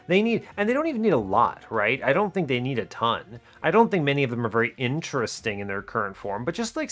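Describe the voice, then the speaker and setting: A man with a medium-pitched, slightly bright voice gives casual gameplay commentary. As host of a gaming video series, he's chatty and informal, thinking aloud while explaining his strategy.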